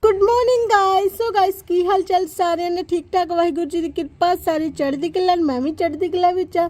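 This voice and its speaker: A woman's voice: extremely high pitch, fairly even intonation, a little fast, dark tone. A woman with a Punjabi accent chatting casually to viewers in a daily vlog, mixing in English phrases. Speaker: vlogger. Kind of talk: casual chat to viewers about daily routine.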